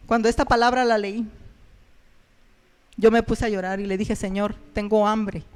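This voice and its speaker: A woman giving a personal testimony in church, telling her story earnestly and haltingly with many fillers. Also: a little high, steady tone. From Mexico.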